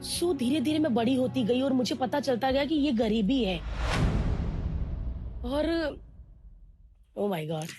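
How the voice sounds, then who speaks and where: Animated woman telling her story. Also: high voice, slow pace, long pauses, music in the background. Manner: candid, animated, acts out quoted voices. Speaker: guest. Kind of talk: emotional personal storytelling.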